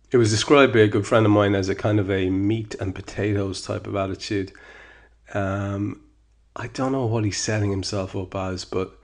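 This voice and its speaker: A man's voice: lowish voice, a little mellow. A man hosting a podcast, reading his own column aloud and then talking it over in a wry, wordy, candid way. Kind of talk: column reading and casual commentary.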